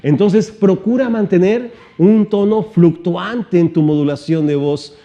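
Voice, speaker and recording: A man giving an animated seminar-style teaching talk, shifting his volume and pitch and asking many rhetorical questions. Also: unhurried, lo-fi sound. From Mexico. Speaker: motivational trainer.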